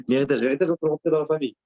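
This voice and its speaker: Guy teaching a class, keeps quizzing students and echoing their answers, dry dull lo-fi sound. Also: a little high. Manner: mixes in Arabic religious terms. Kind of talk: interactive classroom lesson.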